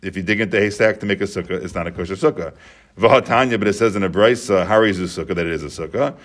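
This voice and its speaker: Man teaching a Talmud class, low voice. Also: very fast. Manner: explains step by step, repeats and restates points.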